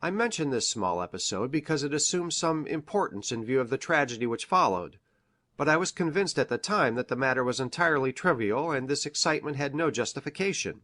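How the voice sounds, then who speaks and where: A man acting an educated country doctor in a classic mystery drama. He is grave and earnest, laying out his account formally and precisely, with a middle-pitched voice and measured storytelling. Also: expressive, fairly bright tone, lightly acted.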